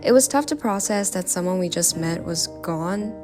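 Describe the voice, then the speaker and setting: A woman's voice: fairly low pitch, lively intonation, moderate pace, over music. A young woman narrating her vlog in a casual, candid and reflective way. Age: young adult. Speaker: student vlogger.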